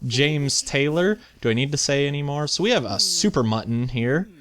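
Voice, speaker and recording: A man's voice: fairly high pitch, animated, moderate pace, a bit bright. A man giving casual, chatty video game commentary, thinking aloud with playful mock indignation as he hosts. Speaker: video game let's play host.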